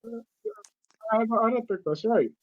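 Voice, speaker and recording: A young friend on a call, giggly and quick to interrupt the reader. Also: medium pitch, narrow, tinny audio. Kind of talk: casual chat on a call.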